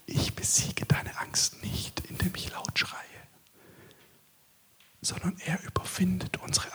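A man delivers a sermon as a guest preacher, dropping for long stretches into a hushed, intimate whisper. His tone is very breathy and husky, and his voice sits a little high for a man. Between the whispers he declaims loudly and slowly.

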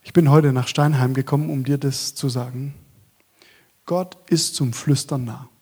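A man preaching a sermon as a guest preacher. He alternates long stretches of hushed whisper with loud, measured declamation. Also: medium pitch, fairly even intonation, breathy edge.

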